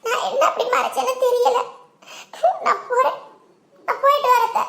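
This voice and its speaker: A woman's voice: very high voice, steady tone, normal speed, pushed and bright, exaggerated voice. A woman voicing an earnest young village daughter-in-law in a cartoon, with a southern Tamil Nadu dialect and a pleading manner. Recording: roomy echo.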